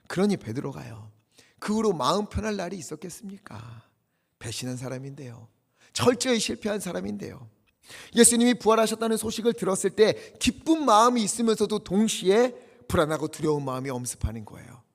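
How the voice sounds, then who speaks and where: High, lively-voiced male pastor preaching. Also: brisk, vocal fry. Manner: dramatic, swings between loud urgent appeals and hushed near-whispers. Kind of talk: sermon. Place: church sanctuary. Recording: long church hall reverb.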